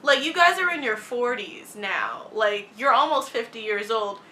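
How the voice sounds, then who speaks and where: A woman's voice: on the high side, lively intonation, moderate pace, bright, forceful tone, slight background noise. A young woman reviewing a TV show in casual, opinionated chat, blunt and sarcastic, swearing freely and saying "like" a lot.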